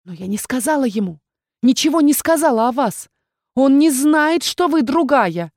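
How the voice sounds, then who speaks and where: A woman reading an audiobook, voicing a frail, gentle former female warden who sounds resigned and pleading. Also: high voice, animated, moderate pace, no room sound, studio quality, pitched above the performer's own voice. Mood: anguished. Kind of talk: audiobook character voice.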